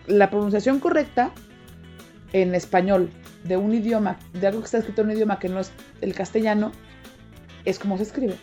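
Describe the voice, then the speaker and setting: A young adult woman with a Mexican accent, talking casually as a co-host, animated and quick to laugh. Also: mid-range voice, faint music behind. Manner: animated, laughs often, acts out quoted reactions. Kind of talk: casual chat.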